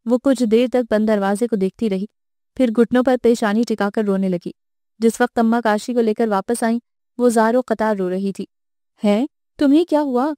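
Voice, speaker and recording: A woman reading a novel aloud in a steady, expressive manner. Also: on the high side, no echo, studio quality. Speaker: narrator.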